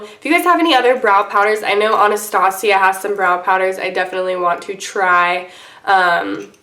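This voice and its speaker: A woman with a medium-pitched voice chats casually to camera as a beauty vlogger. She sounds sick and under the weather, with an icky, congested voice. Her delivery is informal and rambling, recorded in a noticeably echoey room. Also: fairly bright tone. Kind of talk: casual makeup tutorial chat to camera.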